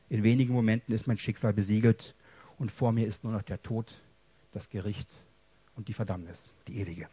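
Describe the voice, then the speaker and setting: A man delivers a heartfelt testimony sermon in a husky voice. He moves from hushed, broken confession to raised, pleading cries. The recording is dry and close. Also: lowish voice, no echo. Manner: emotional, dramatic swings between hushed and loud. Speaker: preacher.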